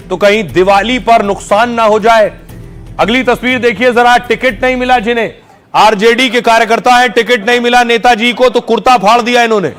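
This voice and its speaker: High-voiced male news anchor. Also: fairly bright tone. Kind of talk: news voice-over narration.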